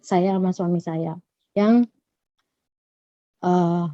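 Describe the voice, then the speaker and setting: A woman from Gorontalo giving a personal testimony, retelling her story in a halting, earnest way. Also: on the low side, fairly even intonation, mellow, no room sound. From Gorontalo, Indonesia. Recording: dull lo-fi recording.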